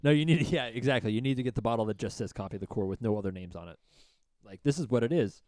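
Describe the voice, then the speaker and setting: A man's voice: mid-range voice, fast talker, a little mellow, no room sound, studio quality. A man co-hosting a casual podcast among friends, joking and teasing crudely. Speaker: podcast co-host.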